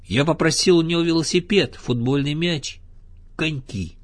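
Brief: man doing a squeaky, excitable kid kangaroo. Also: normal speed, no echo, lightly acted. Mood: excited. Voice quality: high, shouty. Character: excited little boy kangaroo.

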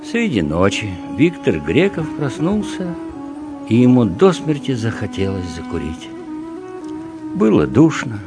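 A man with a deep, low voice reads literary prose aloud in a calm, measured storytelling manner. Soft music plays steadily beneath his narration. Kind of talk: audiobook reading of literary prose. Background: background music.

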